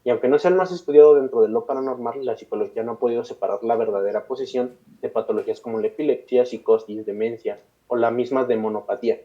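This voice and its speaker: Fast-reading Mexican man, dull audio. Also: mid-range voice. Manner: reads long passages, breaks into slangy chat. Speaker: podcast co-host reading the segment. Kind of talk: reading a script with casual banter.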